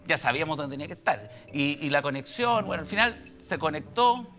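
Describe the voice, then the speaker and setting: A man's voice: a little high, brisk, faint music behind. A middle-aged Chilean man, a comedian guest in a TV studio, telling a comic anecdote and acting out every line of dialogue. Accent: Chilean Spanish. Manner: animated, acts out dialogue and sound effects.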